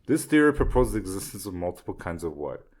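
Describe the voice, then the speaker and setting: A man's voice: low-pitched, sing-song, fast talker. A man in casual podcast banter, guessing quiz answers with jokes and laughter. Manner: joking and laughing, crude banter. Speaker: podcast co-host and quiz contestant.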